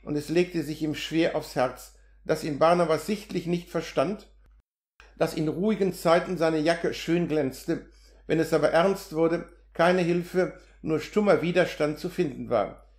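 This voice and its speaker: A man narrating a literary audiobook in a measured, steady reading. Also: fairly high pitch. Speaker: audiobook reader. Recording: roomy echo.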